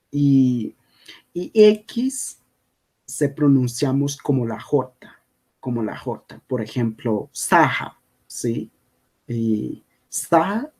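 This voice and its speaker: Man, native Kogui speaker, slow mellow teaching. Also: medium pitch, husky. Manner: unhurried, checks in with frequent "¿sí?". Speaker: language teacher. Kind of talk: explaining a language lesson over slides.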